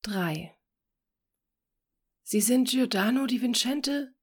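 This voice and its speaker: A woman narrating a crime story in a measured, even reading voice. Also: medium pitch, creaky. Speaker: audiobook reader. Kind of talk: scripted narration.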